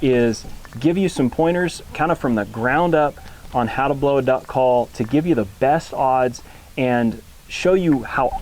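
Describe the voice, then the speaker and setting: A man's voice: medium pitch, a little mellow, slight background noise, poor audio. A man giving a casual hands-on tutorial as an instructor, speaking in a plain, folksy, informal way. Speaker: instructor, duck hunter.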